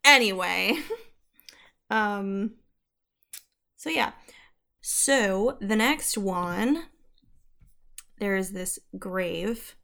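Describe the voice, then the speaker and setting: A young woman co-hosts a podcast, talking casually through ghost stories with lots of fillers, restarts and self-corrections, and she laughs at herself. Her medium-pitched voice is expressive, pushed and bright, with vocal fry. She speaks very slowly and pauses often.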